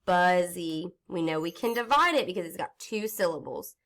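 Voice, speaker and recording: A woman's voice: fairly low pitch, sing-song, a little fast, a bit bright. A woman teaching a recorded phonics lesson to young children, patiently sounding out letters step by step and reading a storybook aloud in an encouraging way.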